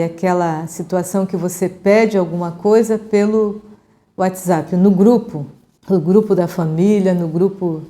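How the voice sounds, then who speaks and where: Mellow-voiced Brazilian woman in her sixties. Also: mid-range voice. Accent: Brazilian Portuguese. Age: 60s. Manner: calm, chatty, addresses viewer as a friend. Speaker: channel host giving advice. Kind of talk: casual advice talk to camera.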